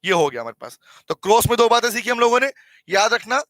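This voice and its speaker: Indian man, lecturer, very high voice, dry close sound, animated, teasing. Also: dry recording, low-quality recording. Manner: animated, teasing, calls students by name; repeats key phrases slowly for notes. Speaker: teacher. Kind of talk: online classroom lecture.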